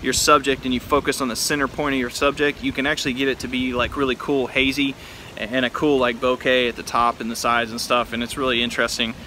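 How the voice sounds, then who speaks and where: This fast talker is an American from Texas demonstrating vintage cameras hands-on in his poolside backyard, relaxed and informal in his delivery. His tone is bright and forceful, his pitch medium and level. The outdoor recording picks up faint pool sounds.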